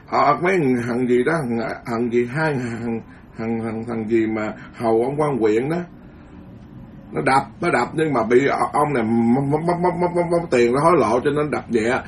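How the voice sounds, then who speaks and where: A man's voice: on the high side, a bit bright, a little hiss or hum. A man, a Buddhist monk giving a dharma lecture in an emphatic, repetitive way, often restarting his words.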